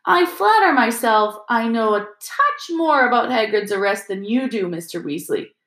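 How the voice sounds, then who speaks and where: A woman's voice: fairly high pitch, expressive, fairly bright tone, voice pushed up. A woman doing a smug, condescending wizard teacher. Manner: condescending, slow and self-satisfied. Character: smug, cheery grown man, vain wizard teacher. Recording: roomy echo.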